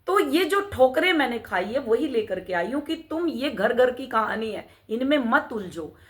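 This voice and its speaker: Speaking at a normal speed in a slightly high voice with big pitch swings, a middle-aged woman acts as a spiritual mentor. Her motivational talk leans on rhetorical questions and repeated urgings to keep going.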